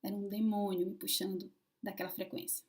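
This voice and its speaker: A woman telling a personal story to camera in a casual, expressive way, swinging between loud emphasis and hushed asides. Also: mid-range voice, brisk.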